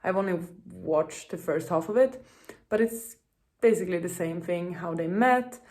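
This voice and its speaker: A woman's voice: lowish voice, moderate pace, a little mellow. A woman talking casually as a reading vlogger, in a rambling, self-questioning way full of hedges. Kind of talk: casual vlog chat.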